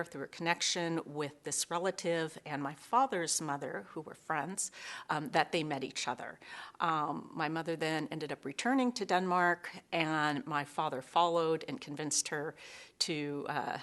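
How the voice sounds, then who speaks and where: A middle-aged woman from Seattle, giving a thoughtful, earnest museum interview with frequent pauses and fillers. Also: low voice, fairly bright tone.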